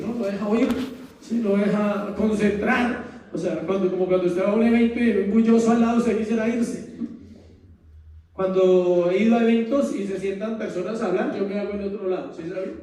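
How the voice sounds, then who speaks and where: Pastor, male, high and mellow voice, preaching with rhetorical questions; echoey church recorded from afar. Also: a little hiss or hum. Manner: rhetorical questions to the congregation, dramatic pauses. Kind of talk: sermon. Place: church hall. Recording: echoey church room from far off.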